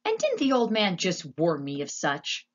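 A woman voicing a loud, blunt, hard-of-hearing servant girl with rustic grammar for a storybook. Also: on the low side, wildly swooping pitch, normal speed, muffled recording. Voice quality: loud, shouting.

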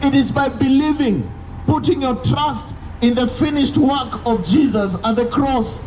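High-voiced street preacher outdoors. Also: male voice, measured pace. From Kenya. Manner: insistent, repetitive, preaching. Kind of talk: open-air street preaching. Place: roadside pavement outdoors by traffic. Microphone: handheld mic into portable speaker, filmed from afar. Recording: distant outdoor street recording with traffic noise.

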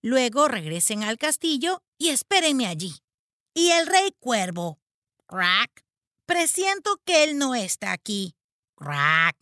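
A woman voicing an eager young boy apprentice wizard in a storybook reading, talking in an excited, bossy, hurried way. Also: on the high side, dry recording, studio quality, heavily acted. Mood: scheming.

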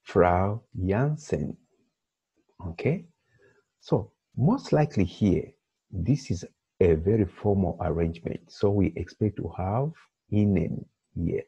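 A very low, gravelly male voice with a dark, husky tone, talking slowly through a textbook lesson. He explains patiently and keeps checking in with a rising "okay?". The recording is dull and lo-fi. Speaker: language teacher.

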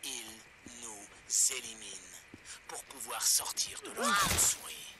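A ranting pirate radio host. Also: male voice, mid-range voice, wildly swooping pitch, takes it slowly, very noisy, heavily acted. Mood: grim. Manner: ranting, urgent warnings to listeners. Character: grim conspiracy-minded male pirate radio host. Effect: pirate radio broadcast. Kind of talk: video game voice acting.

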